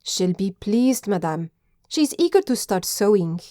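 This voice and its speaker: A woman's voice: mid-range voice, very animated, unhurried, dark tone, dry recording, clean studio sound. A woman voicing a polite, eager French woman who manages a dress shop, with a French accent.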